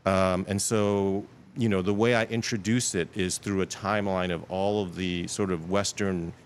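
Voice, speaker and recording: Here a guest in a casual interview, an app developer in middle age with roots in Queens, New York, rambles through animated anecdotes and keeps correcting himself. His voice sits low and moves at an ordinary speed, and there's slight background noise.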